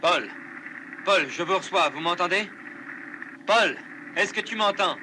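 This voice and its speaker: A man's voice: high voice, measured pace, noisy background. An actor playing a spaceship pilot, calling out urgently to his base over a radio. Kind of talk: dubbed TV drama.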